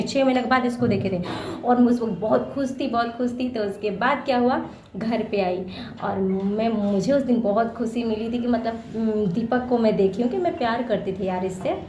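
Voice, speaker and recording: A woman's voice: on the high side, a little mellow. A young woman vlogger telling a personal story to her viewers in a chatty way, repeating phrases and acting out what people said. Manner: chatty, repeats phrases, acts out quoted lines. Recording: echoey room with faint ambient noise.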